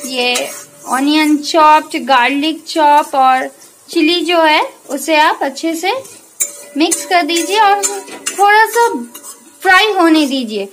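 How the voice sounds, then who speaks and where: A woman's voice: high-pitched, slow pace, a bit bright, slight background noise, poor audio. A woman hosting a cooking video from her home kitchen, chatting to viewers as friends while she explains each step. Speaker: cooking channel host. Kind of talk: casual cooking tutorial.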